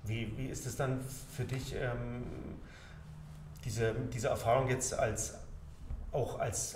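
A man hosts a relaxed talk with musicians at an ordinary pitch, asking questions with frequent ums. The sound is roomy with a faint hiss. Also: gravelly. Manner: conversational, asks questions with many fillers. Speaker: pianist host. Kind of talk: casual interview talk. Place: living room with a piano and plants. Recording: echoey room, faint hiss.

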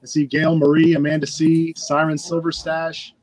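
A man's voice: fairly high pitch, monotone, moderate pace, a crowd in the background, poor audio. A man hosting a live stream giveaway in a casual, chatty and upbeat way, talking into a phone. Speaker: livestream giveaway host.

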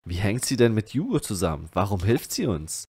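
A man reading game dialogue and narration aloud as a let's player, lively and shifting between characters' lines. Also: lowish voice, fairly quick, slightly rough.

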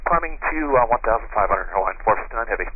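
A man's voice: on the low side, expressive, quick pace. A man, an airline pilot, making terse radio calls to air traffic control over his cockpit headset, with hesitant fillers between standard phrases. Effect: pilot's headset radio transmission. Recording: tinny radio link with faint hiss.

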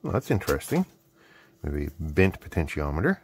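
This is the middle-aged host of an electronics mailbag video, talking unscripted at an indoor workbench while he opens and tries out gadgets, muttering asides and rambling. He has a bass voice whose pitch swoops wildly, speaks at normal speed, and there's background noise.

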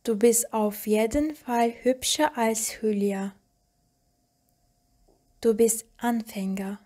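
Woman, language lesson, reads example sentences aloud, very slow and deliberate, fairly high voice. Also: fairly even intonation, warm tone. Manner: reads short phrases slowly and deliberately, with pauses. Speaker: language teacher.

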